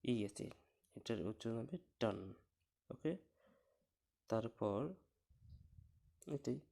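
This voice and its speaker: A man teaching English pronunciation rules in a slow step-by-step lesson, spelling words out letter by letter and patiently asking and answering his own questions. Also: lowish voice, gravelly, dark tone.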